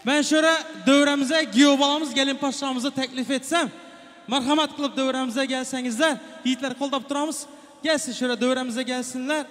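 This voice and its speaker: A man working as master of ceremonies at a wedding, announcing in a booming, projected, celebratory style to the guests. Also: steady tone, fairly quick, a bit bright. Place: large wedding hall. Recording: reverberant hall PA over music. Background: music.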